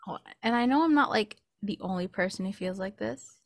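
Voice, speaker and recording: Speaking fairly quickly with lively intonation and a medium pitch, this late-twenties American co-host from California swaps personal anecdotes in casual podcast chat. There's no echo; she records at home in a small indoor setup on a close studio mic with a pop filter.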